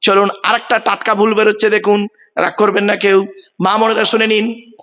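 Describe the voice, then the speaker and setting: High-voiced man preaching in a hall. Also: little pitch movement, a little fast, bright, forceful tone, highs cut off. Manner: quizzing the crowd, stressing pronunciation. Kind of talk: Bengali waz sermon. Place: large outdoor religious gathering.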